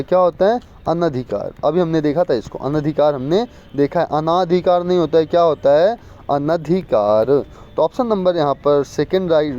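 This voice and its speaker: A man teaching an exam-prep spelling lesson, repeating words and quizzing viewers with quick questions. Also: on the high side, warm tone. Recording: muffled lo-fi with faint street noise.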